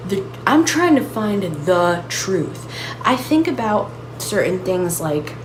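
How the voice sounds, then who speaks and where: Woman, kinda low voice, rambling reflective vlog talk, lots of likes, noisy background hiss. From United States. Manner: thinking aloud, searching, many "like"s and restarts. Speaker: channel host. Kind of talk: reflective solo monologue. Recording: audible background noise.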